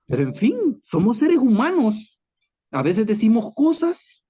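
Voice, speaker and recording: A man's voice: very high voice, huge pitch swings, measured pace, dark tone, slightly rough. A man preaching an online Bible lesson in a conversational way, acting out dialogue with scripture. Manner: conversational, preaching to a chat audience; acts out dialogue with Jesus and scripture.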